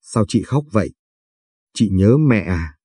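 A man voicing a small, innocent little sister who chats without grasping the loss, in a husky read. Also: on the low side, sing-song, slow, warm tone, no room sound, studio quality, heavily acted. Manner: innocent, chirpy.

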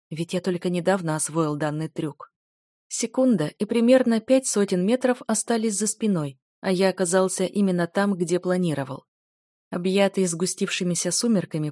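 A woman narrating a first-person fantasy audiobook in a steady, even storytelling voice. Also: on the low side, no echo, studio quality.

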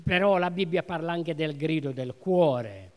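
A man's voice: a little high, measured pace. A man preaching a sermon in a church, emphatic, repeating key phrases and putting questions to the congregation. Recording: reverberant church hall.

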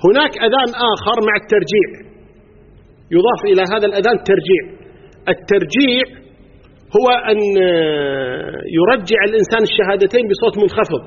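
A man's voice: high voice, animated, quick pace, breathy edge. A man with a Kuwaiti Arabic accent teaching religious law to a live class, explaining step by step, quizzing his listeners and counting items aloud. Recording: dull lo-fi recording in a reverberant hall.

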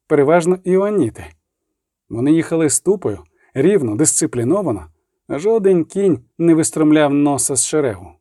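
A man narrating an audiobook in a measured, even storytelling manner. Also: on the high side, dry recording, clean studio sound.

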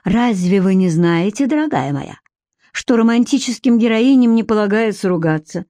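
A woman voicing a smug, sly male gang boss who speaks slowly and mockingly. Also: medium pitch, animated, warm tone, no echo, clean studio sound, natural voice. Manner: slow, sneering.

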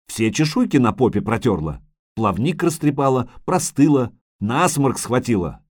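A man voicing a vain, capricious female sea siren who talks in a singsong, shrill and indignant way. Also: darkish tone, no room sound, studio quality, natural voice.

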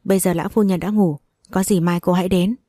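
A woman's voice: on the low side, fairly even intonation, quick pace, dark tone, dry recording, studio quality, natural voice. A woman voicing an irritable young housemaid who speaks curtly and scolds. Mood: scolding. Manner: curt, scolding. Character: irritable young female housemaid guarding the gate.

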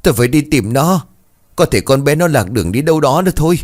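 Brief: frantic grieving mother, a man putting her on, high and wailing, pleading hard. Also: animated, quick pace, darkish tone. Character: distraught middle-aged mother, frantic and pleading.

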